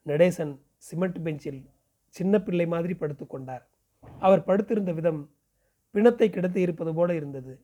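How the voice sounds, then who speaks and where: A man's voice: normal speed, long pauses, mellow. A man from Pondicherry reading a novel aloud, narrating and giving the characters' dialogue livelier voices. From Pondicherry, India. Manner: raises pitch and speeds up for characters' dialogue. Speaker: audiobook narrator.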